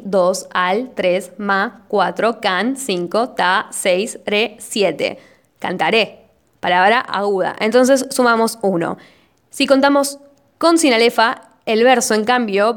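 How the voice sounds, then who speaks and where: A woman with an Argentine Spanish accent talks through poetic meter in a relaxed podcast voice of middle pitch. She is playful and self-mocking, slowing right down to count out each syllable. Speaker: podcast host. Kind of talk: casual teaching podcast.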